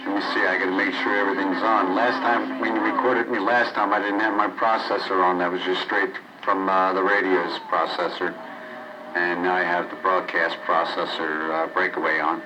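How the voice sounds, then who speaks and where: A radio operator with a fairly low voice talks over a broadcast processor that packs his sound dense and compressed. He counts through a mic test in a steady, plain way. Plenty of noise hangs behind the signal. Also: normal speed. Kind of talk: casual on-air radio banter. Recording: noisy radio audio.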